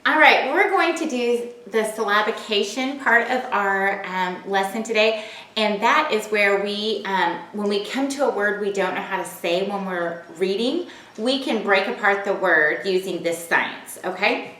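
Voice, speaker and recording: A woman teaching a recorded phonics lesson, sounding out words slowly and clearly and encouraging the children. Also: medium pitch, bright, forceful tone, roomy sound. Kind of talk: recorded home-learning lesson.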